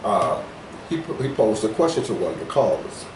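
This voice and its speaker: A man co-hosting a podcast in casual chat, telling a story in a calm, measured way. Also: lowish voice, roomy sound, recorded from a distance, background noise. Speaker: podcast co-host.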